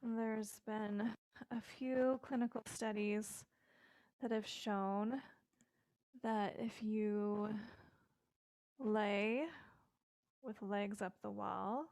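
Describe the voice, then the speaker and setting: Recorded indoors on a close microphone with no room sound, a middle-aged woman guides yoga using soft, calm instructions and casual fillers. She speaks very slowly in a mid-range voice, leaving long pauses.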